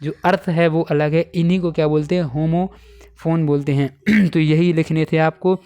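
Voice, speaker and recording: A male teacher talks through exam answers in a smooth, resonant voice that sits a little high. He stays fairly level in pitch, and he repeats and dictates each answer slowly. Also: steady tone, a little mellow. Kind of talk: exam paper walkthrough for schoolchildren.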